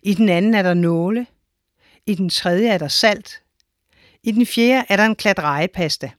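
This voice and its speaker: A wise old village woman from a storybook, calm and instructive, as a woman reading aloud voices her. Her voice sits at a middling pitch, recorded dry and close. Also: dry recording, natural voice.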